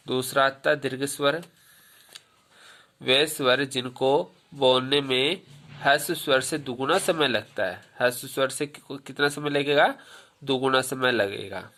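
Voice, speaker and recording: A Hindi grammar teacher leads a classroom lesson in a bright, mid-range voice at a measured pace. He poses questions to the pupils and answers them himself, goes over key points more than once, and tells the class to remember them.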